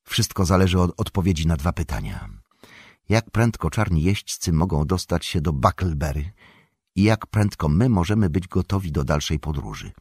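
A man voicing a thoughtful, wary young male hobbit hero who speaks in a measured, reflective way in an audiobook. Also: low-pitched, lively intonation, darkish tone, husky, no echo, clean studio sound. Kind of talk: audiobook character voice.

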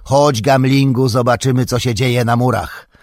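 A man voicing a gruff, boastful male dwarf warrior who bellows his war cries in a raised voice. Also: mid-range voice, steady tone, moderate pace, darkish tone, no room sound, clean studio sound, pitched above the performer's own voice, natural voice. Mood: gruff, wry.

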